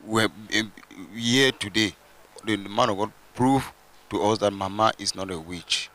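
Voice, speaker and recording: A young man from Cameroon tells his story plainly into a handheld mic, hesitating at times. His voice sits a little low but has a bright, forward edge. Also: measured pace. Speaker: church testimony giver. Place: large church stage indoors.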